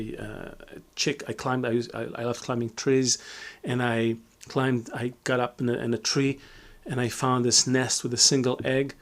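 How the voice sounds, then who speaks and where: Middle-aged man from Israel, reflective teacher in a live Q&A, halting and full of restarts, mid-pitched voice. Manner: reflective, many fillers and restarts. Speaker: Kabbalah teacher. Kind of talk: live Q&A talk.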